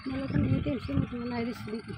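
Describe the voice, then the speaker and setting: A woman's voice: sits high, steady tone, a little fast, heavy background noise. A woman walking through a village lane while filming a casual vlog, calling out to animals and chatting with neighbours. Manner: calls out loudly to cats and hens, chats with neighbours. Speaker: village vlogger.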